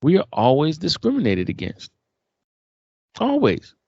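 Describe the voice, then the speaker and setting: A man's voice: fairly high pitch, wildly swooping pitch, a little slow, gravelly, dark tone, breathy edge, no echo, lo-fi sound. A man co-hosting a casual discussion, talking emphatically and building to heated peaks. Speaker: podcast co-host.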